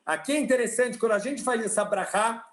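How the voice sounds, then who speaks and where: A man with a Brazilian Portuguese accent, a rabbi giving an online lesson through animated storytelling over a video call. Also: very high voice, fairly quick. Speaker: rabbi teaching a class. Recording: roomy video call audio.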